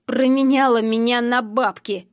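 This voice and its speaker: A woman's voice: a little high, steady tone, unhurried, no echo, studio quality. A woman voicing a drunk, beaten young man who mumbles and slurs his bitter words. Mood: drunk spiteful. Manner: slurred, mumbling, spiteful.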